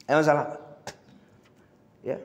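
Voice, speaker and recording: A man with a Minangkabau accent giving a sermon. He keeps calling on his listeners as Pak and Bu and drives his points up to high, emphatic peaks. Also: unhurried. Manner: addresses the audience as Pak and Bu constantly, swings to high emphatic peaks. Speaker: preacher. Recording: echoey hall with long reverb.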